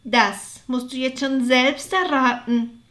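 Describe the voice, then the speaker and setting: A woman's voice: high-pitched, steady tone, slow, fairly bright tone. A woman voicing eager Martha bursting with news. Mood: teasing. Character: excitable adult village woman Martha.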